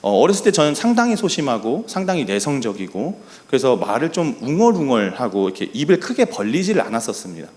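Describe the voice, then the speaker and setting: Earnest, lively-voiced pastor preaching. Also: male voice, medium pitch, fast, few pauses. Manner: earnest storytelling, softly acting out quoted lines. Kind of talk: sermon.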